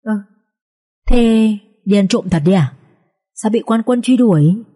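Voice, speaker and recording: A woman playing a sharp-tongued peasant wife. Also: mid-range voice, measured pace, close to an everyday voice. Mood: nagging. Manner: nagging, mocking.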